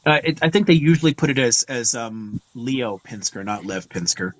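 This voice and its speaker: A man's voice: mid-range voice, normal speed, background noise. A man hosting a live stream, explaining history in a thoughtful, digressive way with many fillers. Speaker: host. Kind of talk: casual lecture on a live stream.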